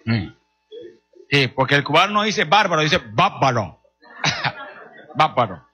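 A middle-aged man from the Dominican Republic preaches in a Dominican accent, his voice pitched high with a very sharp, forceful punch. A husky grain runs through his delivery. He tells humorous stories and speaks straight to his congregation. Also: sing-song, slow pace. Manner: humorous, storytelling, addressing the congregation directly. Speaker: pastor. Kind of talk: sermon.

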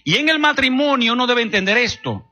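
Man, Dominican accent, middle-aged preacher, high voice, husky edge, joking storyteller. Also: lively intonation, fairly quick, pushed and bright, lo-fi sound, faint music behind. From Dominican Republic. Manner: humorous, storytelling, addressing the congregation directly. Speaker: pastor. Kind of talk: sermon.

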